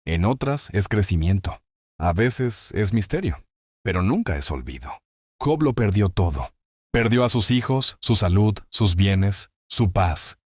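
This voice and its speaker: A man giving scripted inspirational Bible narration in a solemn, measured way, drawing out key phrases slowly. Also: on the low side, darkish tone, no room sound, studio quality. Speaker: devotional narrator.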